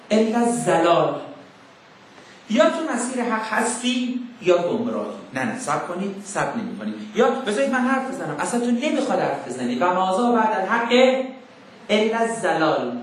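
A man preaching a sermon to a young audience, emphatic and full of rhetorical questions, slowly intoning scripture verses in between. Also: fairly high pitch, slight background noise. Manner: emphatic, rhetorical questions, acts out mock dialogues. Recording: very echoey room.

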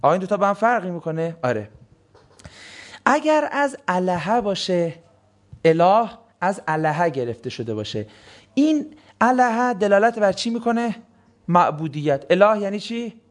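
Male teacher with a high voice, lecturing the class in a Q&A way. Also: big pitch swings. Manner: asks the class questions and answers them himself. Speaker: religious studies teacher. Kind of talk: classroom lecture on Quranic words.

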